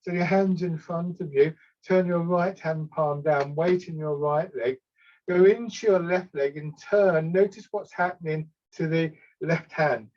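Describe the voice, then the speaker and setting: A man gives calm, unhurried step-by-step tai chi cues as an instructor, sometimes hesitating and correcting himself. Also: a little high. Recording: slightly dull, lo-fi sound.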